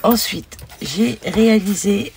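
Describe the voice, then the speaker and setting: A hoarse woman hosting a casual crafting video, chatting along with many fillers as she shows her pieces. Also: medium pitch, slow, darkish tone, a little hiss or hum.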